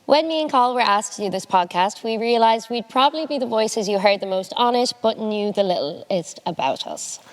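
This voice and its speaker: A woman's voice: on the high side, lively intonation, moderate pace, few pauses, long reverb tail. A woman in her early twenties with a west of Ireland accent, chatting casually and informally as a student podcast co-host. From Galway, west of Ireland. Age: early 20s. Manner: chatty, informal, self-deprecating. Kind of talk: casual chat.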